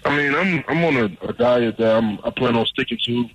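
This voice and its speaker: A young man speaking over the phone as a guest in an interview, giving relaxed, brief answers and often repeating words. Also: mid-range voice, a little fast. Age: young adult. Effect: heard over a phone line. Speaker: football draft prospect guest. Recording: noisy phone line from afar.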